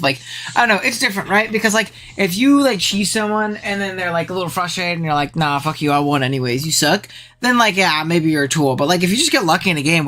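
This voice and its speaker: A streamer giving casual live commentary on a game match, slangy and excitable, with the voice jumping high when thrilled.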